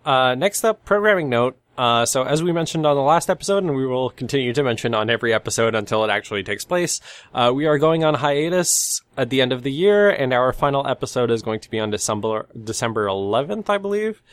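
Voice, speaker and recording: A man's voice: mid-range voice, animated, fast, no room sound. A man with a slightly nasal, stuffed-up voice from a cold, co-hosting a casual podcast. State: congested from sneezing. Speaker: podcast co-host.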